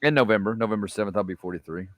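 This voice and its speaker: A man in his forties chatting on a live stream, agreeable and quick with "yeah, man". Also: on the low side, a bit bright, slight background noise. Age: 40s. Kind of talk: casual chat on a live stream.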